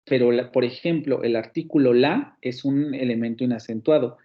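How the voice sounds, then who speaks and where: A man's voice: mid-range voice, moderate pace, lo-fi sound. Mexican man teaching a phonetics class. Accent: Mexican Spanish. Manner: explanatory, frequent restarts and checks with "¿vale?". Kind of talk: online class lecture.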